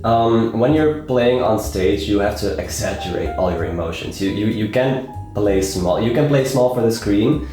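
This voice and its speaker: A man's voice: fairly low pitch, lively intonation, moderate pace, over music. A young man casually talking about films, rambling with many fillers and repeated words. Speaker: film review vlogger. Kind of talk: casual film talk. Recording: very echoey room.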